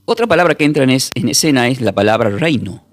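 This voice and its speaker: A man, a pastor teaching a recorded Bible class in an emphatic preaching manner, repeating words and slowly spelling out terms. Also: medium pitch, lively intonation, dry recording, soft background music.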